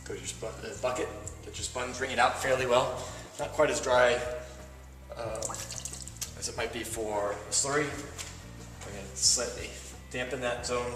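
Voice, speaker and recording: A man demonstrating wall repair techniques step by step, explaining in a relaxed way with frequent fillers. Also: mid-range voice. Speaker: plaster instructor. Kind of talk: instructional demonstration. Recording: roomy echo, voice from a distance, faint music.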